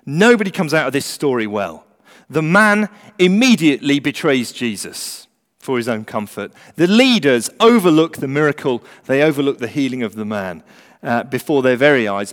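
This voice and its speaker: A man's voice: mid-range voice, expressive, normal speed. A man preaching an evangelistic sermon, earnest and urgent, with rhetorical questions and repeated phrases. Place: large church or hall, preaching live. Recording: echoey hall with long reverb.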